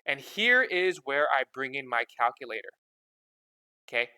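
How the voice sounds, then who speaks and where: Bright, dry-voiced man teaching math. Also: medium pitch, sing-song, moderate pace, smooth, dry recording. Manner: repeats "okay?" constantly, chatty and informal. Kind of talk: casual explanatory lesson.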